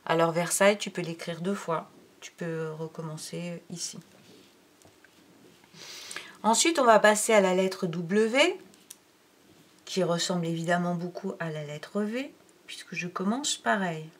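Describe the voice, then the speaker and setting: A woman teaching handwriting to a young pupil, talking through each stroke step by step and counting aloud, sometimes dropping to a near-whisper. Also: on the low side. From France. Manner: slow, counting aloud while writing, drops to near-whisper. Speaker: primary school teacher.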